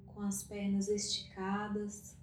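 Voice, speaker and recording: A woman guiding a meditation at a very slow, unhurried pace, her voice mellow and warm. She speaks softly and calmly, leaving long pauses between phrases. The recording has a roomy echo, with faint soft music underneath. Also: medium pitch. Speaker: meditation guide. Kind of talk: guided meditation.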